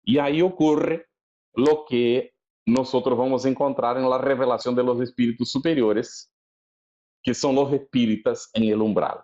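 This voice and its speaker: A man's voice: medium pitch, fairly even intonation, moderate pace, mellow. A man giving a religious lecture in a didactic way, often checking in with his listeners. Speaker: spiritist lecturer. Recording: dull lo-fi recording.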